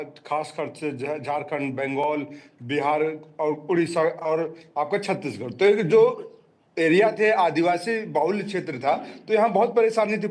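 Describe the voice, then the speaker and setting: Sarcastic, high-pitched male debater. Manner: sarcastic, rhetorical lists and questions. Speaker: political party spokesman. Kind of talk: argumentative TV debate.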